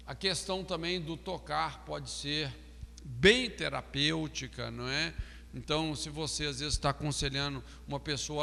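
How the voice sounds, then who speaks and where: A man's voice: on the high side, gravelly, a bit bright, long reverb tail. A man, a pastor giving a recorded lecture on counseling, explaining and often asking "não é?". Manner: frequent tag questions "não é?"; explanatory, stresses key words. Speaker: pastor teaching a counseling course.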